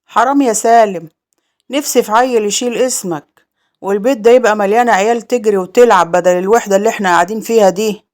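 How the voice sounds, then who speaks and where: A woman's voice: medium pitch, fast talker, darkish tone, close to an everyday voice. A woman voicing an older village mother-in-law who sighs and hints with regret, with an Egyptian accent. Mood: bitter. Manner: sighing, full of regret, cutting hints.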